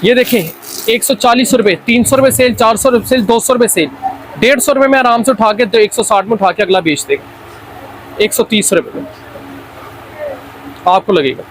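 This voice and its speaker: High-pitched Pakistani man giving a hard-sell pitch. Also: animated, moderate pace, long pauses, slight background noise, rough recording. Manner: repeats his lines insistently. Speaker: wholesale toy seller presenting stock.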